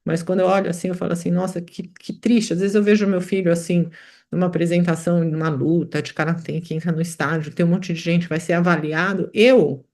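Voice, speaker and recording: A woman's voice: on the low side, fairly even intonation, quick pace, a little mellow. A middle-aged woman reflectively sharing personal experiences in a study group over a video call, with many fillers and restarts.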